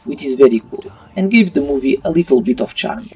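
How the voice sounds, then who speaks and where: The host of a retro gaming video channel, whose first language isn't English, gives an opinionated video review with non-native phrasing. His voice is a little high, lively, brisk, a little mellow and slightly rough, on a distant mic with faint music underneath.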